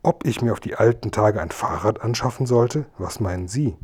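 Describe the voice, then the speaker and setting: A man voicing a chatty, indignant old grandmother, with a high, fluttering, raised voice. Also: lively intonation, moderate pace, a little mellow, husky.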